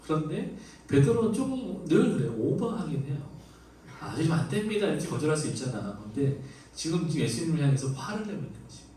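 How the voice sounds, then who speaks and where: Pastor guy preaching, acts out the quotes, slightly high voice, big echoey church room. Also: fast, few pauses, a little hiss or hum. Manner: animated, acts out quoted lines in raised voice. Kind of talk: expository sermon. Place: church sanctuary. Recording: echoey church hall from far off.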